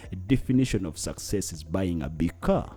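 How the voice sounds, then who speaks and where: A man with a deep, husky, mellow voice speaks expressively at a normal speed while soft music plays behind him. As a guest in this interview, the climate activist from northern Uganda comes across as earnest, his Ugandan English often pausing while he searches for words.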